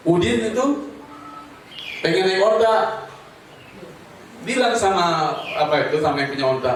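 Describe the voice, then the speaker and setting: A man with a slightly high voice gives a joking sermon at a community gathering. He talks straight to his listeners and leads them in recitation. The recording is very echoey and picked up from far off, with the crowd audible behind him. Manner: jokey storyteller who addresses the audience directly and leads them in recitation. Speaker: Islamic preacher. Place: home gathering with an audience.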